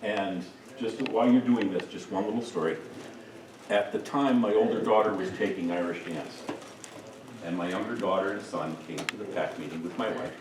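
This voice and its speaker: A middle-aged man instructing a group in a hands-on demonstration, relaxed and joking as he works. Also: deep voice, normal speed. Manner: relaxed, jokey, talks while working. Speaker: first aid instructor. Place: room with participants. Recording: echoey room, distant mic, noisy.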